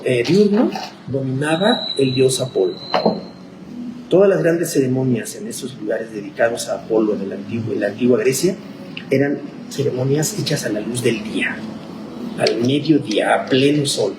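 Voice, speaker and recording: Pastor teaching in an echoey room. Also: male voice, mid-range voice, lively intonation, moderate pace. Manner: thinks aloud, restarts words, checks in with listeners. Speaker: pastor teaching a Bible class. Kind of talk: conversational classroom lecture. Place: church classroom. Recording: echoey room with clear background noise.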